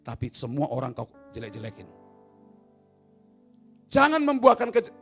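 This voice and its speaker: A male pastor preaching a sermon in a church service, swinging from soft, low asides to loud shouted appeals, with teasing jokes along the way. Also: huge pitch swings, moderate pace, soft background music. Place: church hall. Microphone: no mic at times.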